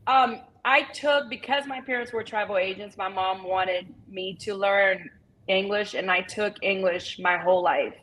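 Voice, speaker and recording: A woman's voice: medium pitch, measured pace, a bit bright, a little hiss or hum, poor audio. A woman in her thirties from Brazil with a Brazilian accent and Portuguese as her first language, chatting easily and laughing as an interview guest. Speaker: guest, business owner. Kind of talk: casual interview chat.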